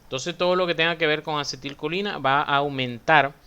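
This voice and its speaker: A man's voice: fairly high pitch, a little fast, sharp tone, clean tone, highs cut off. A man giving a conversational medical lecture, often asking his students questions. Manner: conversational, asks students questions, frequent fillers. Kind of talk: university lecture.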